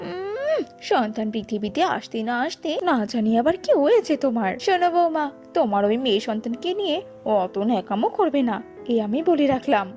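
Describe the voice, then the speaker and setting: A woman voicing a sharp-tongued older mother-in-law in a cartoon, scolding and sneering. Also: high voice, sing-song, fairly quick, muffled recording, faint music behind. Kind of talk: cartoon voice acting.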